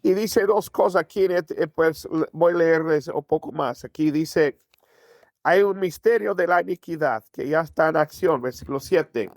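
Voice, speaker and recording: A man preaches a sermon to his congregation, his voice sitting fairly high. He keeps asking rhetorical questions and answering them himself. The sound is dry and close, with little room around it. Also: moderate pace, dry recording. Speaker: pastor.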